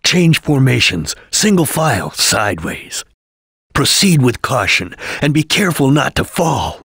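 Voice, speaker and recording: Gravelly, solemn ninja chameleon. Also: male voice, mid-range voice, sing-song, unhurried, fairly bright tone, dry recording, clean studio sound, heavily acted. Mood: calm, focused. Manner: solemn, formal, clipped declarations. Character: stern, disciplined male ninja chameleon, solemn and proud. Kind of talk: video game character voice acting.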